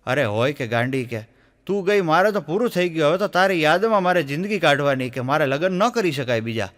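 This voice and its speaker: A man's voice: fairly high pitch, expressive, a little fast, a bit bright. A man with a Gujarati accent telling jokes in a folksy storytelling style, acting out the voices of the people in them. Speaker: stand-up comedian.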